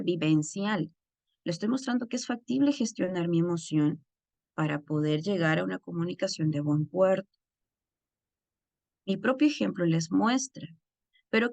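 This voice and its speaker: A woman's voice: medium pitch, dry recording. A woman giving an online course lecture, explaining step by step and often checking in with her listeners. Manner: acts out example phrases in changed voices.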